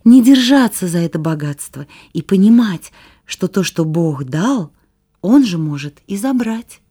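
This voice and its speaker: A woman's voice: on the low side, expressive, a little slow, dark tone, slightly rough. A woman teacher patiently explaining things to a child in a children's Bible program.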